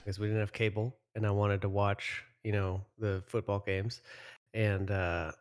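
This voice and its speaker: Animated, laughing man telling stories. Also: lowish voice, a little slow, clear, resonant tone. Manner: animated storytelling, swears, laughs a lot. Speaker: podcast co-host. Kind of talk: casual group chat.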